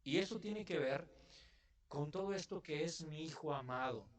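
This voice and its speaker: A man's voice: a little high, normal speed. A man from Mexico preaching a sermon in church, talking to the congregation in a conversational way and putting questions to them. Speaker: pastor.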